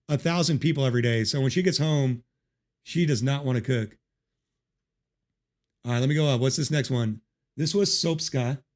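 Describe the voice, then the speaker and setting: A man chatting casually with his livestream chat while playing a game, joking and swearing a lot, speaking into a desk mic. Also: a little high. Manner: profane, joking, greets chat. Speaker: livestream gamer. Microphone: desk mic with noise removal.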